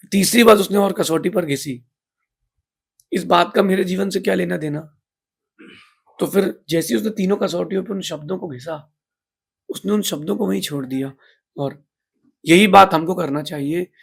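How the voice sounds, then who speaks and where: A man giving a moral sermon as a monk, speaking emphatically with swells and drops in loudness. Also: high-pitched, vocal fry, husky. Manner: emphatic, rising and falling in loudness.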